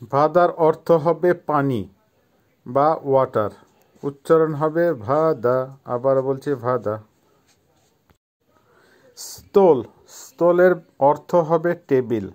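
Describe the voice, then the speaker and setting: A man in his fifties from Bangladesh teaching a vocabulary lesson, repeating each word slowly so it can be pronounced. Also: on the high side, darkish tone. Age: 50s. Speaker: language teacher.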